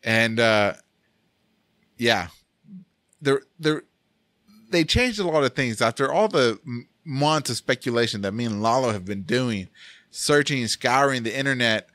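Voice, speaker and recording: A man hosts a loose, casual podcast, laughing often and tripping over his words. His voice is mid-pitched. It sounds close and dry. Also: lively intonation, unhurried, pauses often, fairly bright tone, no room sound. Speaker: podcast host. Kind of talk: casual chat.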